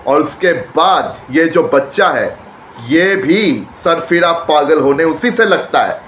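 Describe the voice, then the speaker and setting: High-voiced man recapping a trailer. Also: takes it slowly. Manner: excited retelling with repetitions and restarts. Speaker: movie trailer reviewer. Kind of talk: casual trailer reaction. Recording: echoey room with faint background noise.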